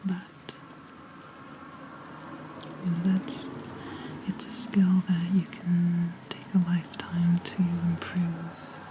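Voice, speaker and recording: A woman whispering a gentle, reassuring ASMR pep talk up close to the microphone, pausing mid-sentence in a soft, breathy unvoiced whisper. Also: fairly low pitch, completely flat delivery, background noise. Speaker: ASMR host.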